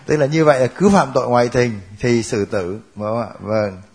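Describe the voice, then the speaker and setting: A man's voice: medium pitch, animated, a little fast. A man teaching a Bible class, joking and laughing with his students.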